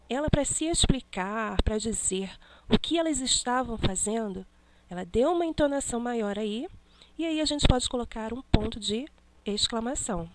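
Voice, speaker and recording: A woman teacher slowly correcting a classroom exercise, stressing each punctuation mark she names. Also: on the high side, slight background noise.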